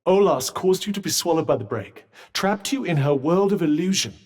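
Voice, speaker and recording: For scripted video game dialogue, an actor with a British accent voices a sentient magical cuff, a dry, witty, protective male companion who speaks formally and gives measured advice. His voice is high, expressive and darkish at a moderate pace, with a long reverberant tail.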